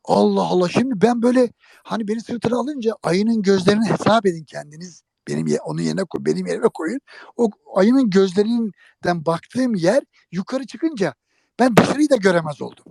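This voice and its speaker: A man's voice: sits high, fairly quick, gravelly, no room sound. A man animatedly telling a funny anecdote to an interviewer, speaking right to his listeners. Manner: lively, jokey storytelling, addresses listeners directly. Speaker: guest telling an old prank story.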